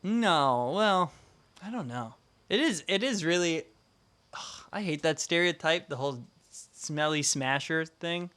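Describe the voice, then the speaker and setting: A young man with a fairly high voice co-hosts a casual podcast. He rambles from one thought to the next, jokes around and laughs often. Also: animated, pushed and bright, clean tone. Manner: joking, rambling, quick to laugh. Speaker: podcast co-host. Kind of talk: casual chat.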